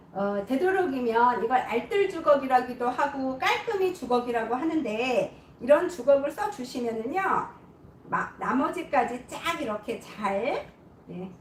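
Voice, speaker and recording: High, lively woman demonstrating baking. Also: a little hiss or hum. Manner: chatty, keeps checking viewers can see. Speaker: home cooking host. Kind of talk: cooking demonstration. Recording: echoey room, distant mic.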